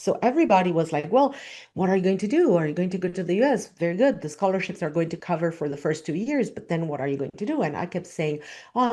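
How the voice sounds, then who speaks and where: Low-voiced woman. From Argentina. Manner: expressive, emphatic storytelling. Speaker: spiritual teacher. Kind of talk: personal storytelling talk.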